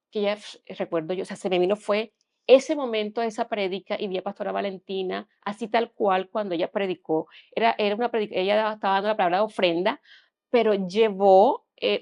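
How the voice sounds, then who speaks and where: A young woman giving an earnest personal testimony as a podcast guest, often dropping to a hushed tone. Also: medium pitch, gravelly.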